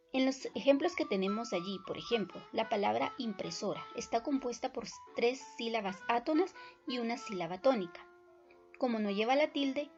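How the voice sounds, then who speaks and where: A woman teaching a recorded lesson, explaining in a clear, measured way. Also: a little high, a little mellow, lo-fi sound.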